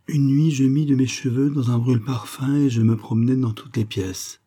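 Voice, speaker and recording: A man's voice: medium pitch, steady tone, moderate pace, mellow, slightly rough, voice pushed up, close to an everyday voice. A man voicing an old woman, a former opera singer, telling her story with confiding wistfulness. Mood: recounting.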